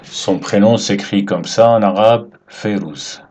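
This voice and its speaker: A man teaching Arabic letters at a whiteboard, explaining slowly and patiently and checking in with his students often. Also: fairly low pitch, darkish tone, slight background noise. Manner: slow and patient, checks in with "d'accord?". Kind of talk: whiteboard language lesson.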